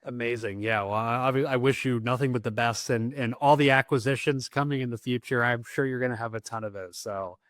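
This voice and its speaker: Male podcast host, mid pitch, upbeat, stumbles over words, dry close recording. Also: fairly even intonation, a little fast, few pauses, a bit bright, no echo. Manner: enthusiastic, stumbles and repeats words. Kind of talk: casual interview talk.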